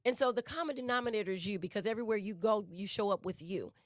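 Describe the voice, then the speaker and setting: A medium-pitched woman talks fast in a clean studio recording with no echo. She co-hosts a relationship podcast and teaches conversationally, speaking emphatically, repeating her key points and posing rhetorical questions.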